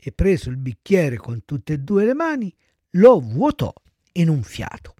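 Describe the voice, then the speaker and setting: A man narrating a classic children's tale in an expressive storytelling manner. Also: on the high side, measured pace, no room sound, studio quality. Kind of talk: storybook reading.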